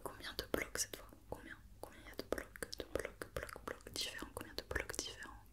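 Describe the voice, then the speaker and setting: A woman whispers through an ASMR roleplay as a doctor, gently and patiently repeating her questions and reassurances at a slightly quick pace.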